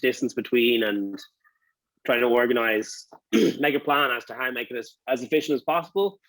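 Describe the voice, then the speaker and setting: A man's voice: mid-range voice, moderate pace, a bit bright, no echo, low-quality recording. A man with a Dublin accent giving casual interview answers, rambling as he thinks aloud. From Dublin, Ireland. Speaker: interview guest, restaurant owner.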